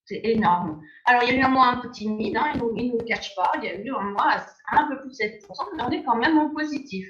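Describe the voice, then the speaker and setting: A woman presenting an online sales pitch, emphatic and persuasive, heard over a video call. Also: quick pace, a bit bright, echoey room, muffled recording.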